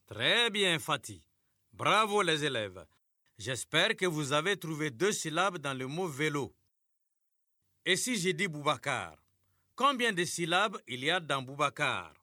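A man teaching a scripted radio lesson to primary pupils, speaking slowly, clearly and patiently. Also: on the high side, big pitch swings, bright, forceful tone, dry recording, clean studio sound. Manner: slow, clear, patient classroom delivery.

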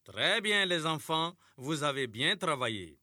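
A man teaching a scripted radio lesson to primary pupils, speaking slowly, clearly and patiently. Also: on the high side, very animated. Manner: slow, clear, patient classroom delivery.

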